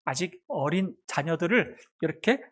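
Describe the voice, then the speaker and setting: A man's voice: a little high, expressive, normal speed, breathy edge. A man preaching a sermon as pastor of a church, asking the congregation questions and answering them himself. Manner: acts out a mother's soft baby talk. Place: church sanctuary.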